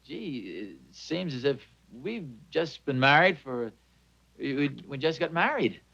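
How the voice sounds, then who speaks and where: A man's voice: a little high, sing-song, unhurried, vocal fry, sharp tone, full character voice. An actor playing a genial, meddling middle-aged father in a 1950s sitcom, chuckling and folksy as he offers to help. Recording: dull lo-fi 1950s TV soundtrack.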